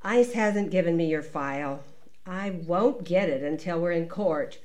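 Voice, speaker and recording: A harried immigration attorney, voiced by a woman, apologetic and rushed. Her voice sits a little low. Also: darkish tone, natural voice. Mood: hurried.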